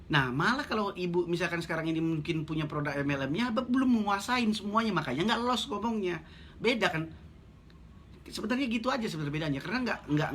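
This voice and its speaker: A man's voice: on the high side, a bit bright, a little hiss or hum. A man talking blunt and casual on a live stream, reading out viewer comments and joking as a network marketing coach. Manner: blunt, joking, chatty, laughs often.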